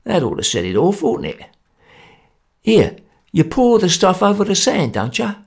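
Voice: medium pitch, huge pitch swings, unhurried, creaky, breathy edge, voice pushed up, exaggerated voice. A narrator voicing a smug, matter-of-fact plotter in a storybook reading. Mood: complacent. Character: smug, complacent Cockney plotter.

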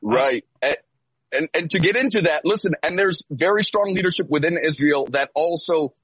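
Man, 30s, earnest measured answers, slightly husky, dull lo-fi audio. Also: on the high side, a bit bright, no echo. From United States, born in Syria. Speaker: lawyer and guest. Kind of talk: interview answers.

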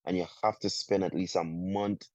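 A man from Guyana with a Guyanese accent, a soca artist talking in a casual interview, halting and full of restarts. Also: low-pitched, flat delivery, a little mellow, no echo. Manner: halting, many restarts, drawn-out phrases. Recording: dull, muffled sound.

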